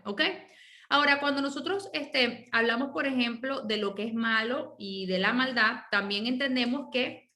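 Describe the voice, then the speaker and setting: Woman, pastor, high voice, patient teaching sermon, echoey room. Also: sharp tone. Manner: checks in with the listeners with a frequent "ok?"; explains patiently and repeats her key points. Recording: roomy echo.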